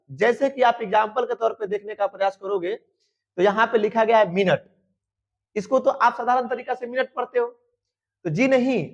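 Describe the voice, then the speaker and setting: A man teaching an exam-prep grammar lesson, repeatedly asking his students questions and answering them himself. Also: high-pitched. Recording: dull lo-fi sound.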